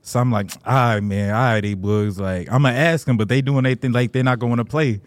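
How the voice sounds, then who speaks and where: A man's voice: mid-range voice, a little fast, no echo. A man co-hosting a podcast, telling a story in laid-back slang and laughing as he goes. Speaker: podcast co-host. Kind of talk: casual storytelling chat.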